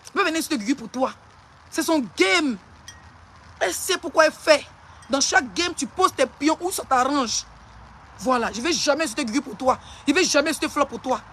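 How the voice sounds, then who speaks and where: Ivorian accent, high voice, fast mocking insults on a live stream clash. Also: lively intonation, fairly bright tone, a little hiss or hum. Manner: taunting, insulting, rapid-fire. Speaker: social media personality.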